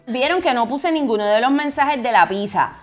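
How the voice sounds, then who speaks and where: A woman's voice: high voice, lively intonation, moderate pace, soft background music. A young woman with a Puerto Rican Spanish accent chatting casually as a vlogger, reading viewer comments in a playful, self-mocking way. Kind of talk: casual chat.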